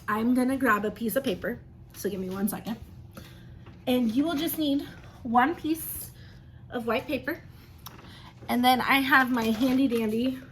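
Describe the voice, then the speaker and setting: A woman with a high, fairly bright voice, an elementary teacher, reads and chats with young children during a read-aloud and drawing lesson. She often asks them questions and affirms their answers. There's slight background noise.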